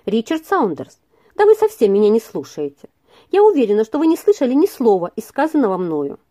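A woman reading aloud and voicing a lively, impatient young lady with a bright, teasing manner. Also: high voice, a little fast, pitched above the performer's own voice.

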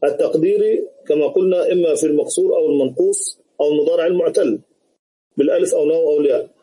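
A man teaching a grammar lesson over a video call, explaining slowly and repeating key words. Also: on the high side, mellow, poor audio.

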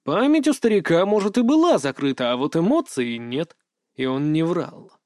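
Male audiobook reader, fairly high voice, dry close sound, brisk gruff edge. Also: expressive, darkish tone, dry recording. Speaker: audiobook narrator. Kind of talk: first-person fantasy audiobook narration.

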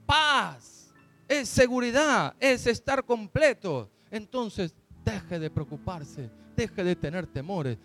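A man preaching a fervent sermon as a pastor, his delivery building to shouted declarations. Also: high-pitched.

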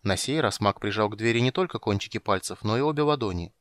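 A man narrating a fantasy audiobook with steady storytelling on a close studio mic. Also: on the low side, fast talker, no room sound.

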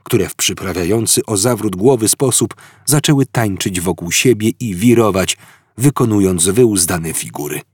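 A man reading an audiobook in an expressive, animated style. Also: fairly low pitch, normal speed, breathy edge, dry recording, clean studio sound. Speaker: audiobook narrator. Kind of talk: audiobook narration.

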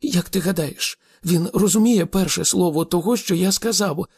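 A man's voice: high voice, animated, slow, vocal fry, a little mellow, slightly rough, big-room sound, pitched above the performer's own voice, exaggerated voice. A man voicing a nervous but defiant Englishman who talks in a raised, shaky, blustering way. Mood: indignant.

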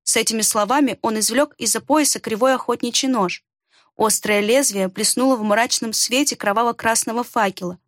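A woman reading a fantasy story aloud in a steady, measured narration. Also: on the high side, dry recording, clean studio sound. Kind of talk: scripted audiobook narration.

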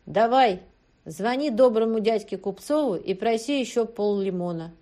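A woman's voice: fairly high pitch, moderate pace, warm tone, natural voice. A woman voicing a menacing male kidnapper who barks threats and orders. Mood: threatening. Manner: threatening, barking.

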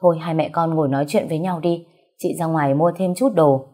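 A woman's voice: sits low, fairly even intonation, a little fast, dark tone. A woman voicing a cheerful, reassuring older-sister figure. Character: kind cheerful older-sister nurse type.

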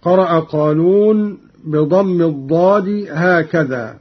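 High-voiced man teaching slow Quran recitation. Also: husky. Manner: measured explanation broken by slow, drawn-out chanted recitation. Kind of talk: explaining Quran reading variants with recited examples. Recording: dull lo-fi archive radio recording.

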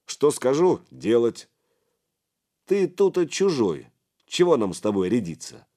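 A man voicing a domineering middle-aged merchant, loud and commanding. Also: medium pitch, very animated, slow pace, pitched above the performer's own voice. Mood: hearty, persuasive.

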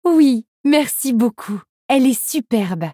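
A caring young princess from a storybook, bright and lively with a raised pitch, voiced by a woman. Dry, close sound. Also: slow pace, no room sound, heavily acted. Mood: warm.

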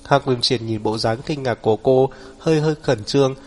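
A man narrating an audiobook in a steady, even reading style. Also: medium pitch, a little fast.

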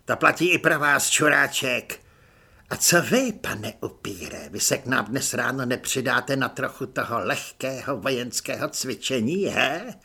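A bullying army corporal who barks orders and sneers at recruits, voiced loudly by a male audiobook narrator. His voice is loud, sharp and breathy, jumping all over the place. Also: mid-range voice, expressive, full character voice. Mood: barking. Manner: barking, scornful.

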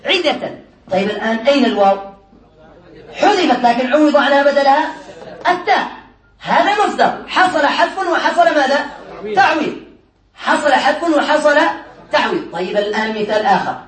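High-voiced sheikh teaching in an echoey room. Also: male voice, recorded from a distance. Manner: quizzes students, teasing and playful. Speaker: sheikh teaching Arabic grammar. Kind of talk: classroom lesson. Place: classroom with students.

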